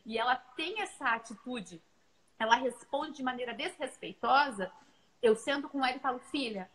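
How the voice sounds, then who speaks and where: High bright lady, 30s mom, animated parenting chat. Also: normal speed, rough recording. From Brazil. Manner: earnest, animated storytelling. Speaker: mother and co-host.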